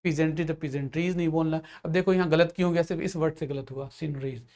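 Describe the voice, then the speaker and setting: A man's voice: fairly high pitch, fairly even intonation, fast talker, darkish tone. A man with an Indian accent teaching an English grammar lesson to exam students, explaining patiently and often checking that they follow.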